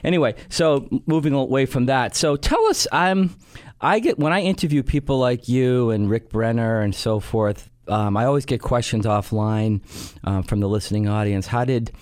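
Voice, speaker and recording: On his casual radio show of chat and interviews, a middle-aged host who also runs a company rambles, restarting often and filling pauses. The studio-quality recording captures his darkish, mid-range voice at a normal pace, free of echo.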